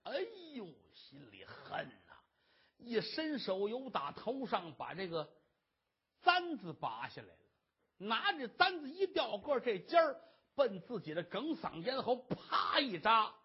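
A storyteller performing a traditional tale in an animated, dramatic manner, on a dull lo-fi recording. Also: mid-range voice, measured pace, slightly rough.

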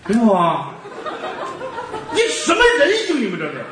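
A man voicing a bossy, unfair male county magistrate who talks loudly and pompously, in an echoey hall. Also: high voice, wildly swooping pitch, moderate pace, recorded from a distance, a crowd in the background. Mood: scolding. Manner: loud, pompous and scolding.

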